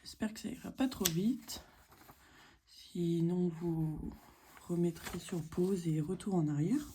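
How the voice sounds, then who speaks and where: A French woman casually walking viewers through catalogue prices, methodical and unhurried, with frequent fillers. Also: on the low side, background noise. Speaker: craft product demonstrator.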